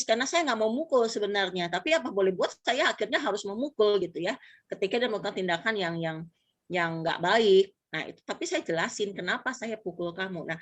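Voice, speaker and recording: Brief: middle-aged woman, casual church talk guest, patient and explanatory, lively when quoting. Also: medium pitch. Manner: relaxed, explanatory, lively acted-out quotes. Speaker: pastor's wife and mother, guest.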